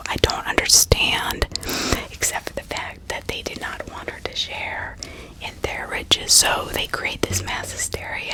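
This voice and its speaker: In this low-quality recording, a woman hosting ASMR recounts true-crime tales in an unvoiced, breathy whisper. Her storytelling is dramatic yet sympathetic.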